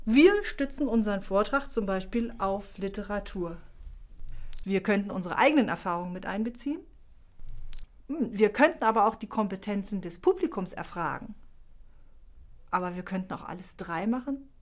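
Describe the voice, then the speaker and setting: Calm middle-aged woman lecturer. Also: medium pitch, moderate pace. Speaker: linguistics lecturer, keynote speaker. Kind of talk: scripted video trailer.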